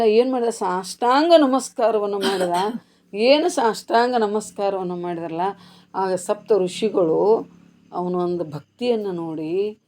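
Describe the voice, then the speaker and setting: A woman preaches at a devotional gathering, telling a story and answering her own questions. Her delivery swings between hushed passages and loud, emphatic ones. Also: medium pitch. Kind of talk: devotional sermon. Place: ashram gathering.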